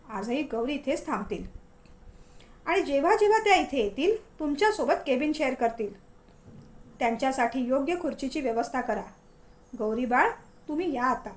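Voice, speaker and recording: A woman's voice: high voice, animated, normal speed. A woman doing a stern elderly businessman father. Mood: commanding.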